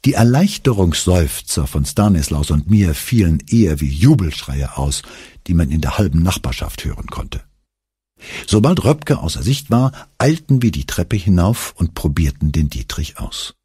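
Deep, husky male audiobook narrator. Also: sing-song, moderate pace, dark tone, dry recording, studio quality. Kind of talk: scripted memoir narration.

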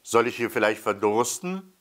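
A man's voice: medium pitch, expressive, moderate pace, fairly bright tone, lightly acted. A man voicing a grumpy stranded pilot who grumbles and snaps. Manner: gruff, grumbling.

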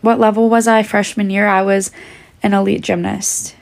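Her voice is gravelly and medium in pitch, moving little, at a moderate pace. The young woman is losing her voice as she answers fan questions in a casual phone livestream from a small room indoors, holding the phone at arm's length.

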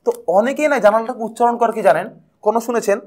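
A high-pitched young man teaches an exam prep lesson at a quick clip. He keeps it lively and playful and goes over each key point more than once.

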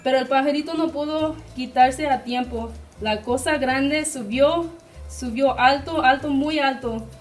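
A woman reading a children's picture book aloud to preschoolers, slow and deliberate. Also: sits high, recorded from a distance, faint music behind. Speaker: guest reader for preschoolers.

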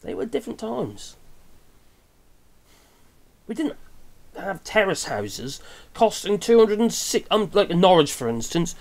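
His voice high-pitched yet darkish in tone, a fifty-something Englishman with an English accent shares opinionated news commentary as a vlogger. He rambles in a chatty way, throwing in tag questions and frequently correcting himself, from a small wooden cabin room whose window stands open.

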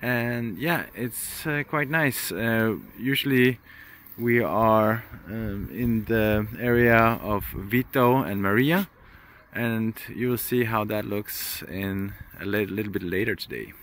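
His voice fairly low and a bit bright, the vlogger takes things slowly as he talks casually outdoors on a hillside farm. He's in his thirties, holds the phone at arm's length, and keeps restarting and using fillers in his travel narration.

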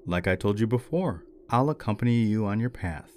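A man voicing the devil disguised as a stranger, speaking in a calm, familiar, coaxing tone. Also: lowish voice, a little fast, natural voice.

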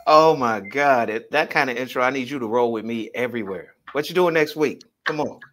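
Laid-back male musician guest, mid-range voice, friendly and unhurried. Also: mid-range voice. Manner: relaxed and easygoing, friendly. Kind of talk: casual interview chat.

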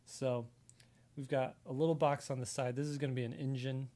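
A man's voice: mid-range voice, fairly even intonation, fairly quick, dark tone. American man teaching drawing, in one ear only. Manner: explains step by step while sketching. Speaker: drawing instructor, artist. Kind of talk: casual live drawing tutorial. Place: indoor room, live stream at desk. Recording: sound in left ear only.

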